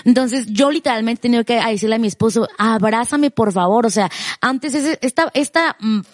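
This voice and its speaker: A woman's voice: a little high, brisk, no echo, studio quality. A young woman chatting casually as co-host, talking emotionally and acting out quoted dialogue with her husband. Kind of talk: casual chat.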